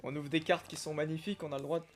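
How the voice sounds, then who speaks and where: A young man chatting casually on a live stream while opening trading card packs, reacting with excitement and greeting viewers by name. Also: fairly high pitch, rapid-fire, slight background noise. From Algeria. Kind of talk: casual live-stream chat reading comments.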